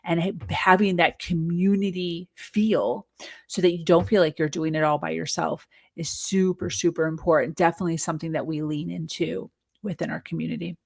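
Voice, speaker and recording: A woman's voice: fairly low pitch, fairly even intonation, moderate pace, gravelly, dry recording, clean studio sound. A woman entrepreneur as an interview guest, speaking upbeat and earnest about motivation. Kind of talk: casual interview chat.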